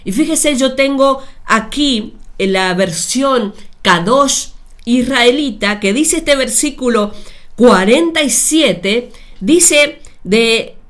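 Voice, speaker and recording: A woman preaching a sermon, speaking deliberately with repeated phrases and addressing her listeners directly. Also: on the high side, expressive.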